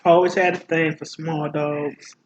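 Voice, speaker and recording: A man with a somewhat high voice chats casually at the table, pressing with playful, teasing questions. The recording is dull and lo-fi with a faint hiss behind him. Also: level tone, moderate pace. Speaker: vlog co-host. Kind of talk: casual chat while eating.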